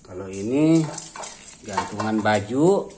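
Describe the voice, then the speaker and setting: Slow, low-voiced man from Banten. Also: expressive, dark tone. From Banten, Indonesia. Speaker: presenter of a prize giveaway. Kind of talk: casual video walkthrough of items. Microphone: handheld phone behind camera. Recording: noisy phone recording with room ambience.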